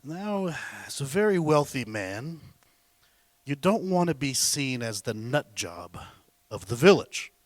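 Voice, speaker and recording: A man giving a storytelling speech at a competition, dramatic and swinging between loud declarations and hushed asides. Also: mid-range voice, sing-song, slow pace, no echo. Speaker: public speaker.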